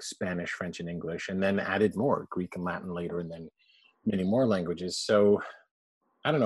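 Sharing family tales with plenty of laughter, this guest is a chatty forty-something man who was born in Canada but grew up abroad, speaking in a relaxed interview. He sounds lowish, dark and husky, and the recording is echo-free.

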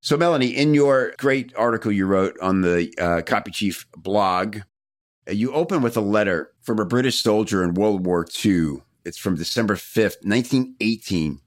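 A man's voice: lowish voice, animated, moderate pace, no echo, clean studio sound. A man hosting a podcast interview, chatting casually with frequent "you know" fillers. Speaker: podcast host.

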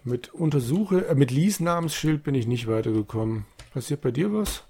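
Gravelly man chatting while playing a game. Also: mid-range voice, expressive, normal speed, warm tone. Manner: chatty, typing commands aloud. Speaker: player. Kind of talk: casual let's-play chat.

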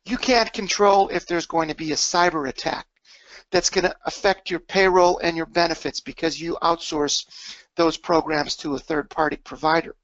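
A man's voice: a little high, steady tone, normal speed, fairly bright tone, no echo, dull audio. A man giving an emergency preparedness webinar, emphatic, stressing words and stacking up lists. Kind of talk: webinar presentation.

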